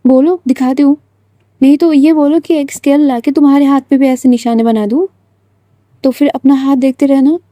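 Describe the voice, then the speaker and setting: A woman's voice: high voice, fairly even intonation, normal speed, mellow, dry recording, natural voice. A woman voicing a hot-tempered young female student who snaps and repeats angry questions.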